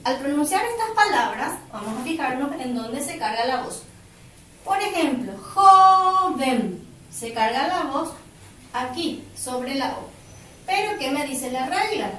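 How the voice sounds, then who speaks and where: A woman teaching a grammar lesson, slowly and emphatically, stretching out key words. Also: sits high, animated, echoey room, far from the mic, a little hiss or hum, poor audio. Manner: slow, emphatic, drawing out words.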